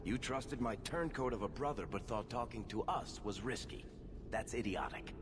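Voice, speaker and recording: An actor playing a bitter, scornful adventurer in a video game, blunt and aggrieved. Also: male voice, mid-range voice, moderate pace, close to an everyday voice. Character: bitter, scornful male companion, aggrieved brother. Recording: long reverb, clear ambience noise.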